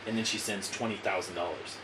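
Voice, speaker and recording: A man hosting a podcast in casual chat, telling stories in a wry, profane, animated way. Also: on the low side, a little fast, noisy background. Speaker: podcast host.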